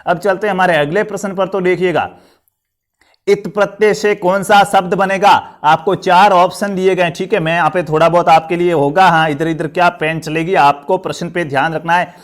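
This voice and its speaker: A man's voice: high voice, fairly even intonation, moderate pace. A man teaching a live online grammar class. He keeps asking questions and answering them himself, and he encourages the students.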